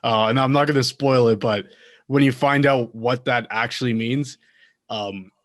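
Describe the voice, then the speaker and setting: A man's voice: medium pitch, fairly even intonation, normal speed. A man co-hosting a podcast, chatting casually and thinking aloud with many fillers. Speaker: podcast co-host. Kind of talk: casual chat.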